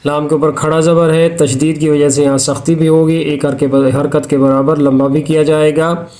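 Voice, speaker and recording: A man teaching tajweed in a methodical, repetitive way, breaking into slow, drawn-out Quran recitation between explanations. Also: on the high side, flat delivery, dark tone. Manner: methodical, repeats rules step by step. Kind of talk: Hindi-Urdu lesson on tajweed, with recitation.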